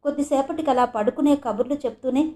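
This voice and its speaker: A woman from Andhra Pradesh, India, narrating a novel in a calm, measured storytelling way. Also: high-pitched. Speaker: audiobook narrator.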